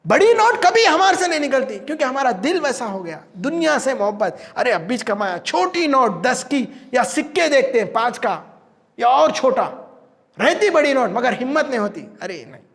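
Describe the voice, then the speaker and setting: A man delivering an impassioned Urdu sermon with an Indian Urdu accent, swinging between loud cries and low, hushed phrases. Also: big pitch swings. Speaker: preacher. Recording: long reverb of a hall.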